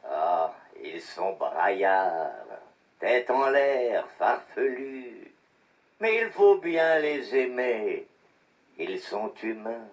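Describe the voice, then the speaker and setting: A man's voice: lowish voice, expressive, extremely slow, distant mic. An actor playing a wry, indulgent man who watches the villagers fondly in an audio drama.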